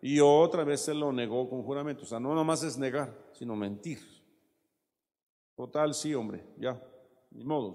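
A man preaching a sermon in a gravelly voice, talking with his listeners rather than at them and often checking in with rhetorical questions. His voice rings with the long reverb of a large hall. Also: medium pitch, warm tone. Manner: conversational preaching with frequent rhetorical asides.

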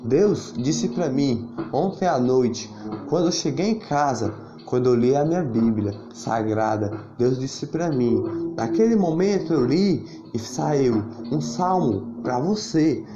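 A man telling a story in a slow, half-sung rap delivery. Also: mid-range voice, lively intonation. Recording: roomy, dull, guitar music behind.

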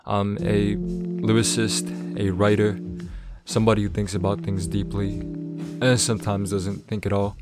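A man's voice: on the low side, level tone, measured pace, loud music behind the voice. Laid-back eighteen-year-old guy. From Toronto, Canada. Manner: laid-back, slangy, rambling and self-aware. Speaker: podcast host. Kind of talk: casual solo podcast intro.

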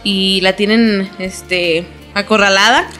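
A woman's voice: mid-range voice, fairly even intonation, slow pace, bright, forceful tone, soft background music. A young woman with a Mexican Spanish accent, retelling a series plot in casual, crude slang. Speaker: co-host recapping a series.

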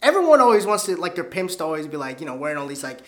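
A man with a slightly high voice in relaxed, rambling chat about cartoons. He leans on fillers and swears freely. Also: racing.

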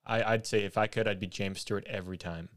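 A man's voice: on the low side, steady tone, fast talker, a bit bright, no room sound, studio quality. A man hosting a casual podcast with bro-ish slang and some swearing. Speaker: podcast host.

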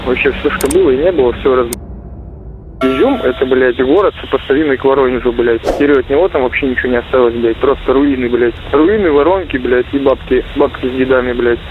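A young man from Russia talks like a soldier phoning home, casual and constantly cursing. His voice comes over a radio-like intercepted line, muffled and very narrow in band. He vents in a loose chat style at a middle pitch. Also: fairly quick, noisy background. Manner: constant heavy swearing. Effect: voice heard over a radio-like phone intercept. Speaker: soldier calling home from the front. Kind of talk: casual phone chat, venting.

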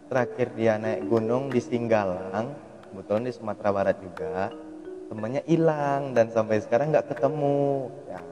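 A man's voice: mid-range voice, mellow. A young man recounts a spooky personal experience in a loose, chatty manner, full of little fillers. His voice rings out with a long reverb tail, and music plays underneath. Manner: chatty, filler-heavy storytelling. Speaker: storyteller. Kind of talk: casual personal horror story. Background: background music.

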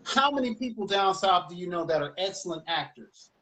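High-voiced animated male storyteller. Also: brisk, poor audio. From United States. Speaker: guest, music teacher. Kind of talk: casual interview chat.

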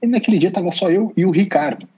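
A young man, co-hosting a casual podcast and telling a story in a slangy, animated way. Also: sits high, fast, husky, highs cut off. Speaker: podcast co-host.

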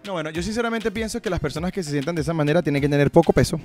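High-voiced man co-host, joking. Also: animated, racing, a little mellow, faint music behind. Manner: joking, incredulous, self-mocking. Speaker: podcast co-host. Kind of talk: casual chat.

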